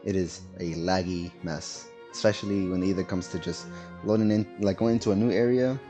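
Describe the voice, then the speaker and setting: Soft background music sits behind a man's low-pitched, mellow voice as he chats briskly and in a steady tone while streaming a game. Using a laptop setup, he rambles casually, full of fillers and self-corrections.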